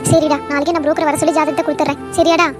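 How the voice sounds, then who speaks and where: A woman's voice: high-pitched, little pitch movement, music in the background, natural voice. A woman voicing a fussy middle-aged mother of four sons in a cartoon, talking in a scolding, nagging way. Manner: scolding, nagging, rapid-fire. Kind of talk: cartoon voice acting.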